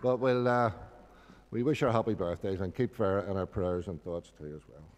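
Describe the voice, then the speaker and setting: A man's voice: deep voice, moderate pace. A middle-aged man with a Northern Irish accent, giving informal church announcements at a lectern microphone. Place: indoor church hall at a lectern. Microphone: gooseneck lectern microphone. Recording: reverberant church hall.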